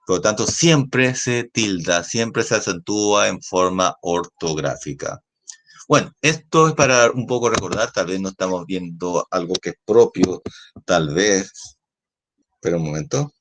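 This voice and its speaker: Low-voiced man teaching a class. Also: animated, a little slow, a bit bright. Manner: patient, repetitive explaining with checking questions. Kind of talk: classroom lesson.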